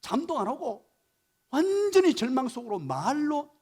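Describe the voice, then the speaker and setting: A male pastor delivers a Sunday morning sermon in a church. His voice sits high and swings widely as he preaches. He keeps asking rhetorical questions and stops to explain Hebrew words. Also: big pitch swings, normal speed, darkish tone, husky. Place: church sanctuary.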